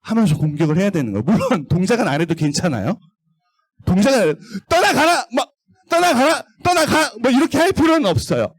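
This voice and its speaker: A man's voice: high voice, very animated, fast talker, a little mellow, no room sound. A man giving a children's sermon at a church service, asking the young listeners questions and leading them to read along. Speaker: children's pastor.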